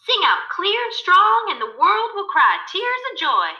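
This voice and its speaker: A woman's voice: very high-pitched, sing-song, a little slow, pitched above the performer's own voice, exaggerated voice. A woman voicing an old grandmother with a Southern US accent, giving drawling advice in a storybook reading. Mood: encouraging. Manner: warm drawling storybook delivery. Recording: roomy echo.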